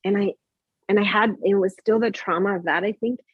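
A woman in her thirties telling a candid personal story in a podcast conversation, animated, acting out remembered dialogue. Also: mid-range voice, brisk, slightly rough, dry recording, phone-quality sound. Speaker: podcast guest.

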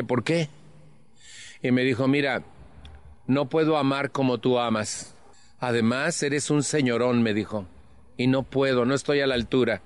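A man in his seventies with a Mexican accent tells his own story to a support group. He speaks earnestly and with animation, and he drops in blunt slang as he goes. His voice sits at an ordinary middle pitch. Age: 70s. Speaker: Al-Anon speaker. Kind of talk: personal testimony talk.

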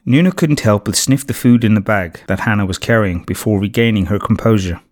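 A man's voice: lowish voice, fairly quick. A man steadily reading a children's storybook as narrator.

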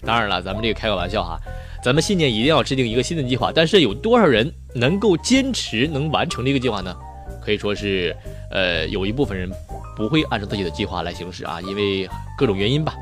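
Lively joke-telling man. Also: mid-range voice, fast, soft background music. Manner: chatty, playful storyteller. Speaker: host telling jokes. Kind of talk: joke telling and advice talk.

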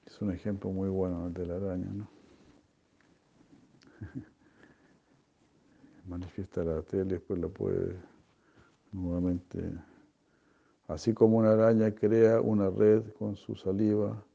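Slow, gravelly man teaching scripture. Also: low voice, level tone, lo-fi sound. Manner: halting, with many fillers and soft chuckles. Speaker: spiritual teacher. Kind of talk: scripture reading and class.

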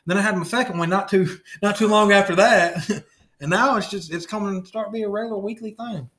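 A man's voice: sits high, fairly quick, a bit bright. A man with a lisp co-hosting a casual podcast, rambling and repeating words as he talks. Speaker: podcast co-host. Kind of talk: casual chat.

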